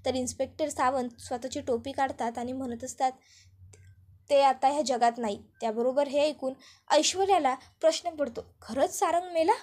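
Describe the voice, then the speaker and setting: A woman narrating a lively storytelling recap of a TV serial, retelling the scenes with quotes. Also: high voice.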